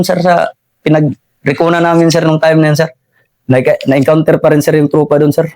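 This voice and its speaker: A man's voice: on the high side, darkish tone. A young man with a Filipino accent telling his war story in a casual interview, ending nearly every phrase with "sir" and chuckling often.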